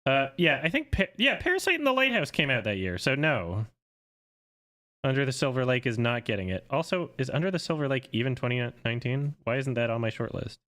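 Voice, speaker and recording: Male, 30s, from Canada, film critic on a live stream, sarcastic and jokey, mid-pitched voice. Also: very animated, a bit bright. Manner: sarcastic, quick to joke. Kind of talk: casual live-stream chat.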